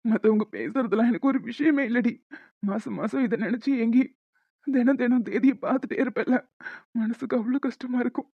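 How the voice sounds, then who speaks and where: A protective young husband, tender and earnest, his voice fairly high as it is done by a woman for a cartoon. The audio is dull and dry, with faint music. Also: a little fast, no room sound.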